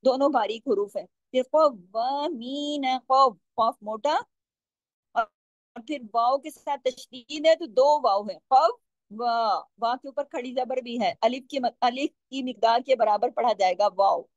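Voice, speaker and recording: A woman with a high voice explains the rules of Quran recitation, asking her listeners questions and then answering them herself. She stretches each recited example out slowly. Her voice is recorded close and dry, with almost no room sound. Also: no echo, lo-fi sound. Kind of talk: step-by-step tajweed lesson.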